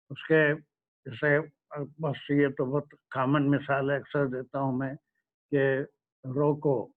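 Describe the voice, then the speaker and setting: A man giving a religious lecture, speaking slowly and pausing often to search for words. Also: fairly high pitch. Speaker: Quran lecturer. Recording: tinny phone-like recording.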